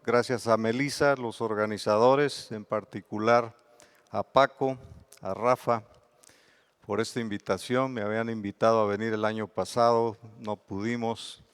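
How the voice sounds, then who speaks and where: A man's voice: fairly low pitch, fairly even intonation, measured pace, smooth. A middle-aged man with a Mexican accent giving a conference lecture, explaining terms patiently with examples. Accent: Mexican Spanish. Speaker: bee researcher giving a lecture.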